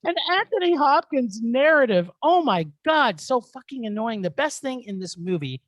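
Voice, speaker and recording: A woman's voice: a little high, very animated, moderate pace, no echo. A woman co-hosting a film podcast, ranting with exasperation and plenty of swearing. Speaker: podcast co-host. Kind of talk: casual film review chat. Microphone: studio mic.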